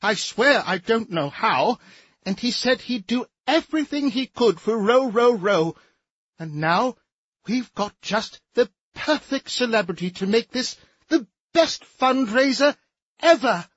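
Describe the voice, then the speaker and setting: Portly society matron, warbling falsetto, bubbly chatter, dull lo-fi sound. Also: male voice, animated, measured pace, a bit bright, husky, no room sound, exaggerated voice. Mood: gushing. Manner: breathless, chirpy, fluttering.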